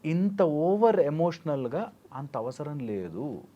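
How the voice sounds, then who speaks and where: A man's voice: on the high side, big pitch swings, slow, dark tone, highs cut off. A man speaking as a life coach in an interview, explaining through everyday examples and mixing in English phrases. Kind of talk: interview answers.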